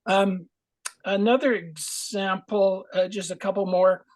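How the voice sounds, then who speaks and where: Speaking at a speaking club, this Canadian man delivers a grammarian's report that wanders and muses in a friendly, explanatory way. His voice is high and steady, with a slightly slow pace.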